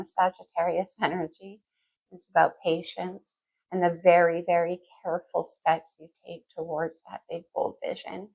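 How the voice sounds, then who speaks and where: Speaking to the listener directly, a woman astrologer wonders aloud during a casual tarot reading. Her low voice has vocal fry, her tone is conversational, and her speech is a bit muffled.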